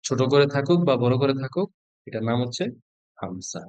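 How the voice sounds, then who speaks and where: A man's voice: mid-range voice, fast talker, darkish tone, dry recording, dull audio. Patient man teaching letters online. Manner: patient, asks students questions and spells out letters. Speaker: Quran reading teacher. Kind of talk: online class instruction.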